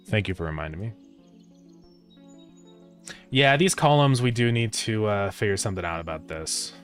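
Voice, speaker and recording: A man with a deep, low voice talks casually through a game-development stream. He thinks aloud and answers viewers' messages with easygoing fillers. Faint music plays underneath. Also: a bit bright. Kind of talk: casual live-stream chat while coding.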